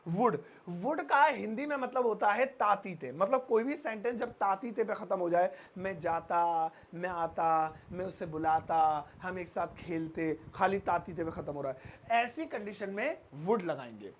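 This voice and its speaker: Casting: high-voiced male tutor, explains grammar with playful everyday examples, slows down to repeat key phrases. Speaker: English teacher. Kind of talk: Hindi-language English grammar lesson.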